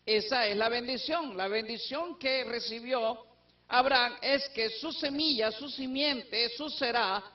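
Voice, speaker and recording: High-voiced man teaching scripture, distant. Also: a little slow. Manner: explanatory, asks and answers his own questions. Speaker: Bible teacher. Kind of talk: Bible study teaching. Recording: distant, dull lo-fi recording.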